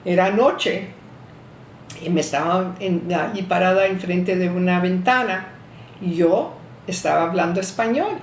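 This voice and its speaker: An older woman telling family memories in an interview, halting and restarting her sentences. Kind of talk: reminiscing storytelling. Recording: roomy echo, faint rumble.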